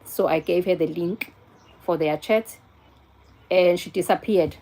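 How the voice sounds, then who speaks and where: Unhurried and dark-toned, with a lowish voice, a South African woman in her forties chats with viewers on a live stream and takes a call in between. She switches freely between Zulu and English.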